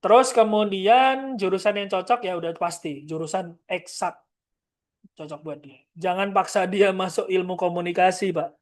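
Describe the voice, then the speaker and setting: A woman's voice: fairly low pitch, normal speed. Woman, parenting trainer, seminar lecture, direct, firm, addresses the audience. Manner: acts out short parent-child exchanges.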